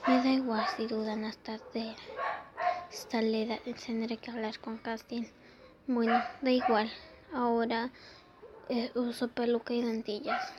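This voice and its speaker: A woman reads her own fan story aloud in a high voice, taking her time over the words. She acts out each character, jumping from loud outbursts to hushed whispers. A faint hiss sits under the recording. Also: level tone, measured pace, dull audio. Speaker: vlogger reading her own fanfic.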